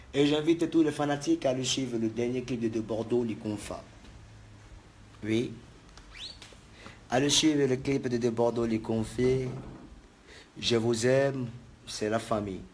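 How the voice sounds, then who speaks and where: A man's voice: mid-range voice, slow, pauses often, a little mellow, a little hiss or hum. A man giving an emphatic, repetitive video message to fans as a musician. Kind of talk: direct-to-camera video message.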